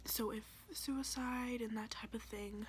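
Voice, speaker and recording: A woman performs a whispered role-play as a librarian. Her hushed voice sits fairly high and moves in an informal, halting way as she recommends books. Noticeable ambient noise runs behind the whisper. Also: steady tone. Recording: clearly audible background noise.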